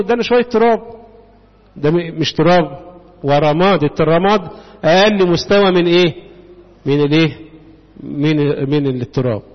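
A man with an Egyptian accent preaching a sermon, often pausing on questions for the congregation to answer. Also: high-pitched. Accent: Egyptian Arabic. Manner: call-and-response questioning of the congregation. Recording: dull reverberant hall sound.

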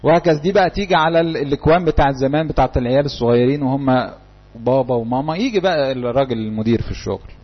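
Male Egyptian preacher, husky and quick, peppering listeners with questions; dull lo-fi recording. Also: medium pitch. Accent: Egyptian Arabic. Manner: fires rhetorical questions at the audience. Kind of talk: interactive church talk.

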